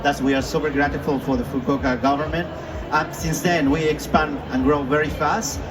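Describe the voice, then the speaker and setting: A startup founder, born in Chile and raised in Australia, talks eagerly on a conference panel. His voice is a little high for a man. It is captured from a distance over loud hall noise. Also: steady tone, moderate pace. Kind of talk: panel self-introduction. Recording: distant mic in a noisy event hall.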